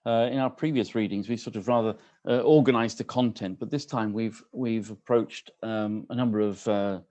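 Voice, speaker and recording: A man in his sixties with a low, soft, mellow voice welcomes people to an online reading. He talks casually and hesitantly, full of ums and restarts. He is speaking into a computer on a video call from his kitchen at home. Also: fairly even intonation, moderate pace. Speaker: host of online poetry reading.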